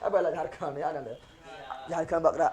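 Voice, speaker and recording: A male teacher runs a lively classroom lesson, drilling facts through call-and-response and teasing his students. His voice sits high for a man. He talks loudly and keeps repeating key words for the class to echo. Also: normal speed. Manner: loud, repetitive, joking and teasing with students.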